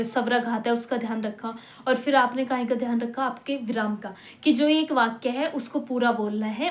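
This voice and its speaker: A woman teaching a lesson, explaining patiently, saying example words slowly and often checking that listeners follow. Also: a little high. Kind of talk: classroom-style lecture. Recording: echoey room with faint hum.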